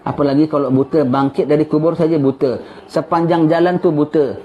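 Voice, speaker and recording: A man's voice: a little high, fairly even intonation, brisk. Man giving a muffled lecture. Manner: repeats phrases, tag "ya" and "ha?" to the audience. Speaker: religious teacher. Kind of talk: live religious lecture. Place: gathering with children present. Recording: muffled lecture recording with faint hiss.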